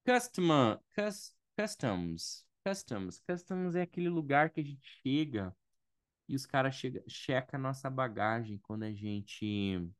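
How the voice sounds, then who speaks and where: A man's voice: medium pitch, expressive, measured pace, clean tone, no room sound, clean studio sound. A man from Brazil teaching airport vocabulary in a casual online lesson, explaining patiently, checking in with his students often and thinking aloud. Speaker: English teacher.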